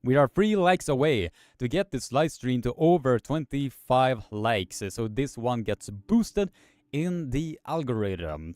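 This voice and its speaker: A man's voice: mid-range voice, no room sound, studio quality. A man hosting a live stream, reading chat comments aloud in a hesitant way, with many filler sounds.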